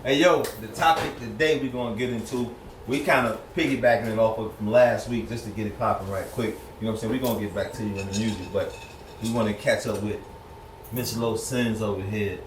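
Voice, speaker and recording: A man's voice: fairly low pitch, fairly even intonation, fairly quick, slight background noise. Male podcast host, slangy and upbeat, distant mic in a roomy space. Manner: hypes up guests, slangy. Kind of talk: casual chat.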